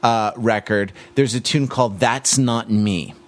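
A male podcast co-host in casual chat, explaining things in a measured way. He restarts phrases often, at an ordinary mid pitch for a man.

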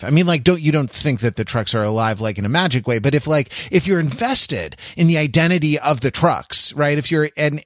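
A man co-hosts a casual podcast in a wry, mock-erudite style, circling his point digressively with hesitations and many restarts. His voice is a little high and a bit bright, recorded in studio quality with no echo.

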